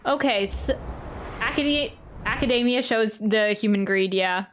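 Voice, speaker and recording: A woman streamer with a higher-than-average voice comments unhurriedly on her game as she plays, exclaiming and repeating brief phrases. Game music plays, and there's a touch of background noise.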